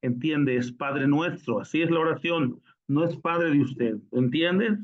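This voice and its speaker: A man's voice: on the high side, a little slow, close to an everyday voice. A man voicing a stern, self-righteous homeowner who scolds impatiently, on a lo-fi recording. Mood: annoyed.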